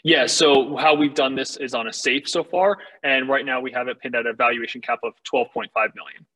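Man, startup founder, confident pitch, bright forceful tone, raspy edge, candid, conversational, salesy. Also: steady tone, fairly quick, low-quality recording. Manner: casual, candid, salesy explaining.

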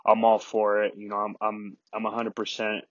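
A podcast host recording a halting solo apology inside a closet, full of "you know" fillers and restarts. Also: male voice, on the low side, completely flat delivery, highs cut off.

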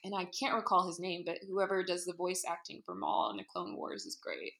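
A woman guest on a podcast, relaxed and chatty, laughing easily while she has the hiccups. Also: lowish voice, fairly quick, vocal fry, roomy sound. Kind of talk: casual interview chat.

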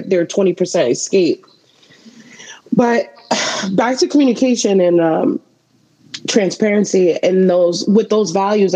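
A woman's voice: medium pitch, warm tone, breathy edge, low-quality recording. A young adult woman co-hosting a podcast, talking in casual, reflective run-on thoughts. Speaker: podcast co-host. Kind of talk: casual chat.

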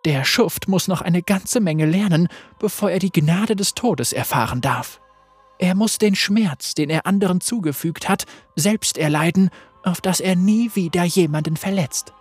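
Stern veiled spirit lady, narrator doing her, cold and piercing, husky dry voice. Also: medium pitch, a little slow, no room sound, soft background music. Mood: menacing. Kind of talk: read-aloud storytelling.

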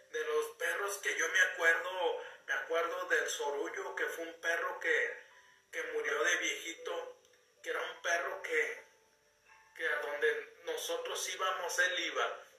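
A man, talking casually about a self-help book in a halting, folksy storytelling way, repeating words as he goes. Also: fairly high pitch, fairly even intonation, bright, forceful tone. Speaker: book commentator. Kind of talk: casual spoken commentary on a self-help book, reading passages aloud. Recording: echoey room, voice a bit far from mic, faint music behind.

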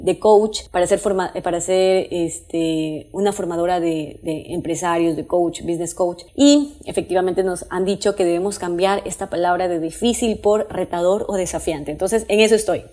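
A woman teaching customer service tips in an informal talk, chatting with the audience, often pausing on fillers and asking "right?" as she goes. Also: lowish voice, warm tone. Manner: conversational, with frequent fillers and tag questions; restarts sentences and corrects herself mid-phrase.

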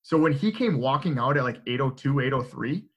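A young adult man telling a story to friends in a casual, animated way, full of "like" and "right?". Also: mid-range voice, brisk. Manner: animated, filler-heavy, checks in with "right?".

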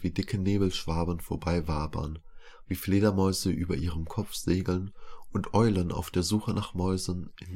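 Deep-voiced guy reading a fantasy story, even storytelling tone. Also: slightly rough. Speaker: narrator. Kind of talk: scripted fantasy narration.

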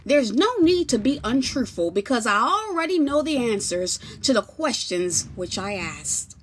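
A woman's voice: a little high, very animated, unhurried, a little hiss or hum. A woman voicing a solemn male judge on a throne, who speaks in a raised, proclaiming voice.

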